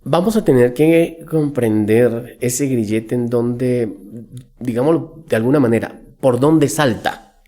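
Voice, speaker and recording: A man speaking as a business coach in a podcast interview, telling lively stories and acting out the people he quotes. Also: medium pitch, a little slow. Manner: animated storyteller acting out quotes.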